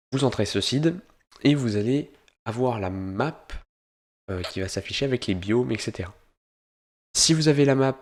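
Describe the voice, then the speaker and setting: A man hosting a software tutorial, explaining each step in turn and often pausing to search for words. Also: on the low side. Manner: step-by-step explaining, stringing steps with "donc"; hesitant, with frequent pauses to search for words. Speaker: host of a gaming tutorial channel. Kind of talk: screen-recorded software tutorial narration.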